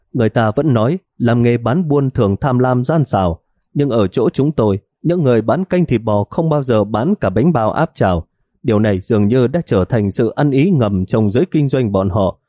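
A man narrating a story with lively, expressive storytelling. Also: medium pitch, no echo, studio quality.

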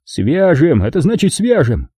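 A man voicing a sarcastic American robber from Boston who explains things slowly and patiently. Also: a little high, huge pitch swings, warm tone, husky, no echo, clean studio sound, pitched above the performer's own voice, full character voice. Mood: wry.

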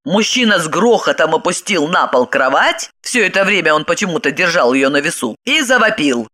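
A woman narrating an audiobook in an expressive, lively reading. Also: fairly low pitch, brisk.

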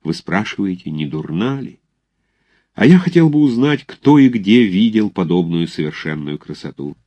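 A lovestruck young cadet in a storybook, as a male reader plays him, low and earnest with a gallant, melodramatic edge. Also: moderate pace, dark tone, lo-fi sound, close to an everyday voice.

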